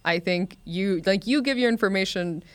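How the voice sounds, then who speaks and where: A woman's voice: mid-range voice, moderate pace, dry recording. A woman co-hosting a podcast, speaking bluntly and with strong opinions. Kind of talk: casual discussion.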